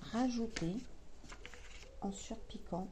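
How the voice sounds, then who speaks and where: A woman's voice: fairly high pitch, slow, warm tone, a little hiss or hum. A woman with a French accent chatting casually to camera about her sewing, thinking aloud with many hesitations. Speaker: sewing vlogger.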